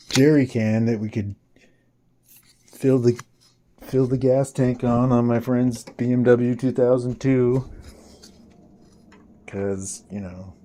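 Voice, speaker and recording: Guy rambling thru a story, swears a lot, slow and kinda dark sounding. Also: mid-range voice, a little hiss or hum. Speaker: vlogger. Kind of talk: casual storytelling.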